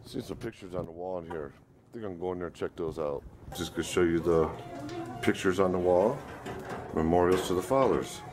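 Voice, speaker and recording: A man's voice: low-pitched, brisk. A middle-aged man with a Northwest Indiana accent giving a chatty, rambling walking tour to a handheld camera. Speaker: vlog host. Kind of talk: casual walking tour vlog. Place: outdoors and inside a church building. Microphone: handheld camera at arm's length. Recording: noisy outdoor camera audio.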